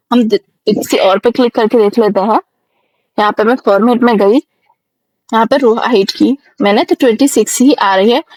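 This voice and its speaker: A woman teaching a screen-recorded software tutorial, explaining each step slowly and repeating herself as she goes. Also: on the high side, no room sound. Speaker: computer teacher.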